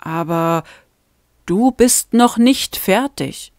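A woman's voice: medium pitch, animated, very slow, darkish tone, dry recording, studio quality. A woman reading a fan-made audiobook, voicing an anxious, unsure young woman in a raised, pleading tone.

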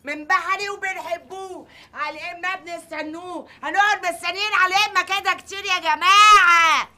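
A loud, brash Egyptian comic woman. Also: very high voice, steady tone, fairly quick, full character voice.

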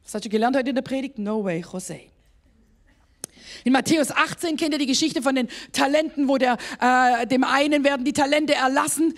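Woman, pastor, German accent, sermon, high-pitched, vocal fry, emphatic. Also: fairly even intonation, quick pace, hardly any pauses. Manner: emphatic, exclaims hallelujah, laughs at herself.

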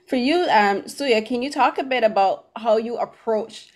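A middle-aged woman with a fairly high voice hosts a conversational film interview at a normal speed. She's on a video call from a small room at home, picked up by her computer's microphone.

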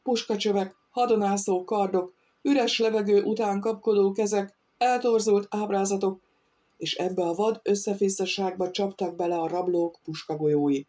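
In a steady, deliberate storytelling manner, a woman reads audiobook narration from a script, her voice pitched mid-range.

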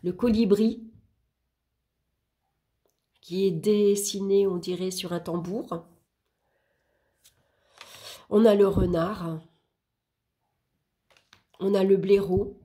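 A woman casually reviewing an oracle card deck for her viewers, talking in a halting way with many fillers and restarts. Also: mid-range voice, steady tone, warm tone. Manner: hesitant, halting with frequent fillers and self-corrections; chatty, addresses viewers directly.

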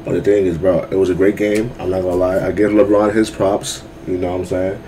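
A man's voice: low voice, flat delivery, a little fast, dark tone, slight background noise, rough recording. A young man chatting casually as a YouTuber reacting to a game, tired and late at night, slangy and repeating himself as he trips over his words.

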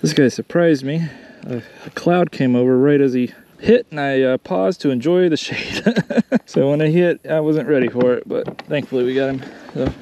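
A Southern-accented man with a mid-range voice talks at a moderate pace to his phone camera while bass fishing from a kayak on a lake. He's chatty and rambling, poking fun at himself along the way. The outdoor phone recording is full of loud insect noise and general outdoor ambience.

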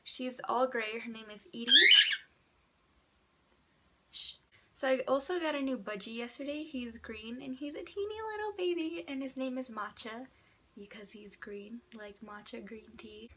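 Here the young vlogger, eighteen and congested from a cold, talks about herself in a chatty, mildly sarcastic way from a small room beside a door. Her pitch is a little high and her pace moderate. There's a slight hiss or hum, plus the sound of passing cars.

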